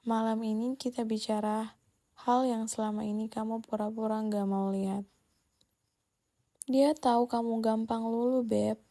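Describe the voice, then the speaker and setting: A woman's voice: medium pitch, mellow. A woman hosting a scripted relationship advice monologue, speaking bluntly and directly to the listener. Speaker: host.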